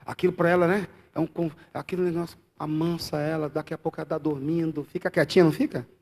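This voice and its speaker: With a Brazilian Portuguese accent, a pastor delivers a live sermon, alternating loud exclamations with quiet asides and trading banter with the congregation. His voice is a little high and level in tone, at a quick pace.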